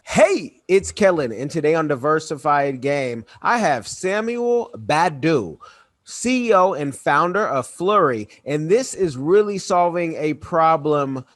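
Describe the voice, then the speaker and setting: A male podcast host introducing his guest in an upbeat, lively way. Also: fairly high pitch, measured pace, no room sound. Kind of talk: podcast interview.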